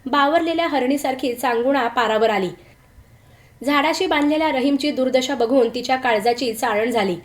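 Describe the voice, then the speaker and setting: A woman narrating a dramatic story, reading it out with feeling and slowing down for the villagers' quoted lines. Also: high voice.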